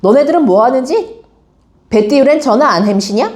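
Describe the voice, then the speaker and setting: A woman's voice: high voice, lively intonation, normal speed, darkish tone, voice pushed up. A woman voicing a fiery middle-aged woman who scolds her friends angrily in Jeju dialect. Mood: scolding. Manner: angry scolding, rough dialect.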